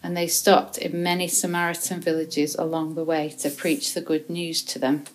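Woman, scripture reader, low-pitched voice, steady measured reading, faint music underneath. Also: low-quality recording. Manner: measured, even reading with small self-corrections. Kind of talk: reading a Bible chapter aloud.

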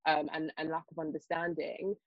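A young woman on a discussion panel talks fast in long runs full of ums and sort-ofs. Her pitch barely moves. The sound is dry and slightly muffled, with no room around it. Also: little pitch movement, no echo. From Nigerian heritage, raised in the UK. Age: young adult. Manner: fast, hesitant, lots of fillers and restarts. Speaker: panel guest, children's author.

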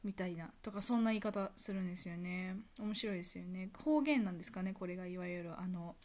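A young woman with a Kansai accent, talking casually on her own podcast in a soft, rambling way full of fillers. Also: fairly low pitch, quick pace. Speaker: podcast host. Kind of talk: casual solo monologue.

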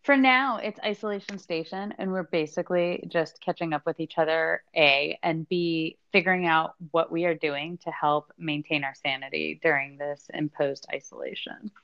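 A woman's voice: deep voice, fairly even intonation, normal speed, hardly any pauses, a bit bright. A woman co-hosting a podcast, chatting casually and rambling with lots of fillers and laughs. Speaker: podcast co-host. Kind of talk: casual chat. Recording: dull lo-fi sound.

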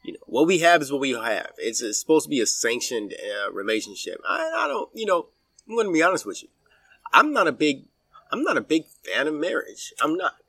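Man, 40s, podcast guest. Bright, forceful tone, set a little back from the mic, dry sound, talks in halting restarts. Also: fairly high pitch, very animated, slightly rough, no room sound, far from the mic. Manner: opinionated, halting with many fillers and restarts. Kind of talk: casual podcast chat.

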